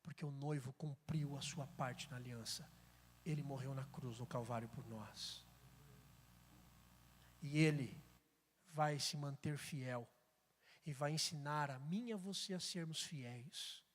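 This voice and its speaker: A man's voice: mid-range voice, a little slow, pauses often. Dramatic storytelling preacher man. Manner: dramatic storytelling, swings between loud and hushed. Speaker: pastor. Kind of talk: sermon. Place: church sanctuary. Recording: echoey church hall.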